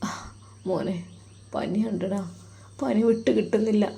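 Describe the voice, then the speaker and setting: A woman's voice: mid-range voice, measured pace, creaky, mellow. Woman doing a feverish old teacher. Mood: weak. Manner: weak, faint, murmuring. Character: sick, feverish old male teacher, weak.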